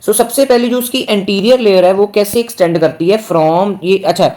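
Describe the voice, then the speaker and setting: A man's voice: high-pitched, normal speed, darkish tone. A man from India teaching anatomy in a lecture that mixes Hindi and English, often asking the class questions and drawing out key terms.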